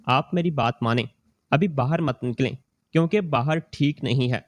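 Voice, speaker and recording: A man voicing a nervous, guarded taxi driver who speaks low and curt in a read-aloud story. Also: no echo, natural voice. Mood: hushed.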